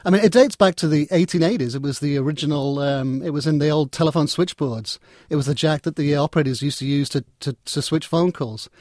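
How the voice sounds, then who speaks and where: Heard on a dry, clean studio recording, this interview guest, a technology writer and editor, rambles conversationally and keeps rephrasing and repeating himself. His voice sits fairly high with a darkish tone and a slightly quick pace.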